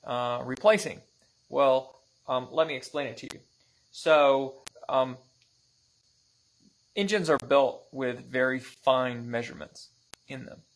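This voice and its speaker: A man vlogging a motorcycle engine rebuild, talking through each step in a relaxed tutorial way with frequent ums. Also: mid-range voice, rough recording. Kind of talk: casual hands-on tutorial.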